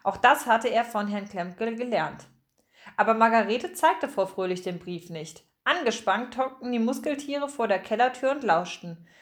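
A woman's voice: a little high, expressive, normal speed. Woman reading a children's storybook. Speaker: audiobook narrator. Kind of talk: scripted storybook narration.

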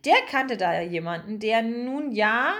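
A woman's voice: on the high side, animated, measured pace, fairly bright tone. A woman doing a cranky adult male mouse. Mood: grumbling. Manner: sighing, a bit cranky. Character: grumpy grown-up male mouse, bossy.

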